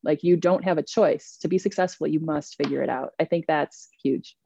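A middle-aged woman, an interview guest, reflecting candidly on her working life in an animated way, acting out quoted asides. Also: sits low, moderate pace, gravelly, slight background noise. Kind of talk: candid conversational storytelling. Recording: dull lo-fi dry sound.

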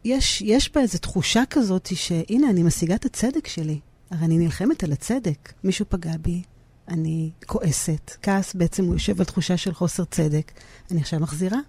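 A middle-aged woman with a somewhat low voice talks as a podcast guest, explaining and acting out small everyday scenes. She is animated and sure of her points. The recording is close and dry, with no room sound. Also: breathy edge, dry recording. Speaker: guest speaker on decision-making. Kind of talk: podcast conversation.

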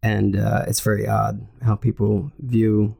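Late-30s male comedian guest, gravelly voice, loose rambling chat full of fillers. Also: lowish voice, level tone, unhurried, dark tone. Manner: rambling, heavy on "like" and "you know". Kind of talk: casual chat.

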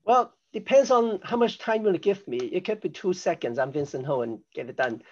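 A man's voice: high voice, lively intonation, normal speed, darkish tone, muffled recording. An older man from Hong Kong, a podcast guest, explaining risk assessment in a chatty, self-deprecating way. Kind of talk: conversational interview.

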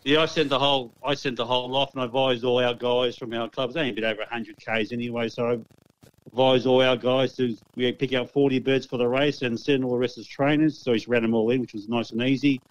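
An Australian man with a smooth, clear, medium-pitched voice gives a casual report as a club official. His delivery is easygoing and chatty. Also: level tone, fast, muffled recording. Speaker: club official giving race results as guest.

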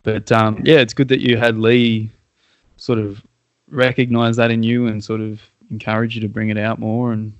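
A man hosting a casual interview, relaxed and encouraging, with frequent short agreements. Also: lowish voice, moderate pace, no room sound, dull audio. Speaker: interviewer, podcast host.

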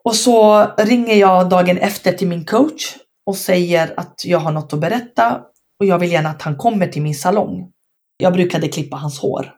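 A woman, a former basketball player, telling her story in an interview with frank emphasis and acting out past conversations. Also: mid-range voice. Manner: animated, acts out past dialogue in her stories.

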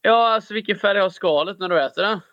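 A man's voice: high voice, fairly bright tone, no room sound, dull audio. A man co-hosting a podcast in casual chat, teasing and joking with his friend. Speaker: podcast co-host.

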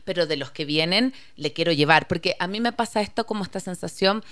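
A woman from Chile, co-hosting a podcast and chatting in a lively, storytelling way. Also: fairly low pitch, a little fast, dry recording. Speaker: podcast co-host. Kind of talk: casual podcast chat.

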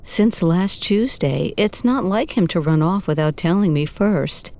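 Woman playing a mellow, soft-voiced femme fatale. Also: fairly low pitch, lively intonation, a little slow. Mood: plaintive. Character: coy, sultry noir femme fatale, married woman client. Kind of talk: parody noir radio drama acting.

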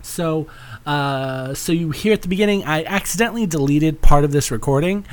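A man's voice: fairly high pitch, moderate pace, slight background noise. A man hosting a podcast in a casual, rambling, affectionate and campy way. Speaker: podcast host.

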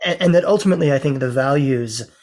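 A man's voice: mid-range voice, quick pace, a little mellow. A man from the American South, a rabbi himself, interviewing a guest in a conversational way and asking open questions. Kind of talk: casual interview.

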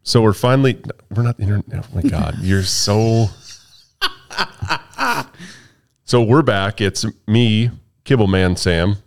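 A man's voice: lowish voice, animated, takes it slowly, gravelly, pauses often. A man hosting a casual podcast in a studio, joking around and laughing often. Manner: playful and jokey, laughs often. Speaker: podcast host.

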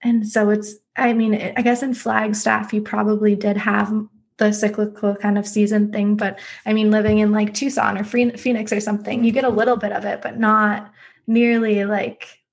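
A woman's voice: mid-range voice, level tone, moderate pace, gravelly. Chatty woman podcast host. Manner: chatty, laughs often, many "like" fillers. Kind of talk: casual conversation.

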